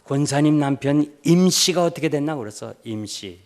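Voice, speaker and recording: An older man preaching a revival sermon as pastor, urging loudly one moment and telling a story softly the next. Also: mid-range voice, normal speed. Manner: emphatic, swings between loud urging and soft storytelling.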